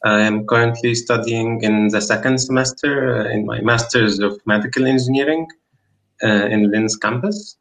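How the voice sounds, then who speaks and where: A man's voice: mid-range voice, moderate pace, a bit bright, slight background noise, poor audio. A man from Egypt, a master's student, introducing himself hesitantly on a video call. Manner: hesitant, with fillers.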